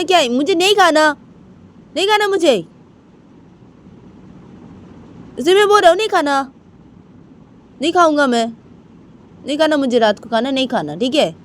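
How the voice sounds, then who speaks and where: A woman voicing an irritable, tomboyish young woman who talks in masculine forms, loud and snappy. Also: slight background noise, close to an everyday voice. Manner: snappy, raised pitch and loud.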